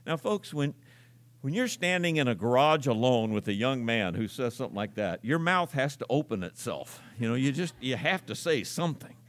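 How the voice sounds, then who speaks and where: A man's voice: mid-range voice, animated, normal speed, fairly bright tone. Older man preaching in a folksy way. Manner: folksy, storytelling, repeats words for emphasis. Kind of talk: conversational sermon.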